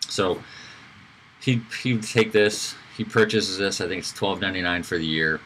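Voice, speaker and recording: A man giving a casual screen-recorded software tutorial, talking loosely with fillers and self-corrections. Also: low-pitched, normal speed, slight background noise, low-quality recording. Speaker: instructor.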